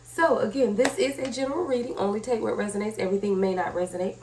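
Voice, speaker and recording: Speaking fast at a medium pitch, this channel host gives a relaxed tarot reading in a somewhat mellow voice. A cold has left her slightly scratchy, and she addresses viewers head-on, often checking in with brief tag questions.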